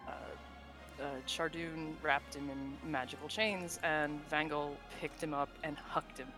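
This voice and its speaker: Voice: medium pitch, level tone, measured pace, over music. A podcast co-host in casual chat about game lore, rambling, laughing often and swearing offhandedly.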